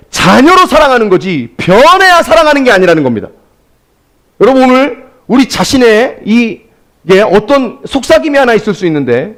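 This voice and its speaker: Animated high-pitched male pastor preaching. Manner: animated preaching, direct address to the congregation. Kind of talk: Sunday sermon.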